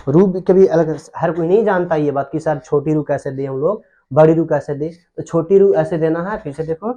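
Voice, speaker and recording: A man's voice: on the high side, warm tone, highs cut off. A man teaching Hindi grammar at a board, who repeats terms and asks his students questions. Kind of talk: whiteboard grammar lesson.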